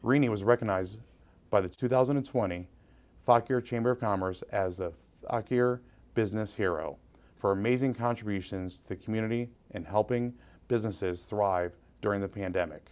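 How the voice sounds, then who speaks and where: A man reading a prepared tribute to introduce an award honoree, in a steady, earnest manner. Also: on the low side, normal speed. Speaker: award presenter.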